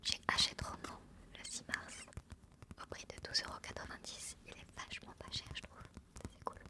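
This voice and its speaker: A woman speaks entirely in a soft library whisper. Her delivery is hushed and unhurried, in the style of an ASMR host presenting books and reading out their blurbs. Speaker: ASMR book channel host.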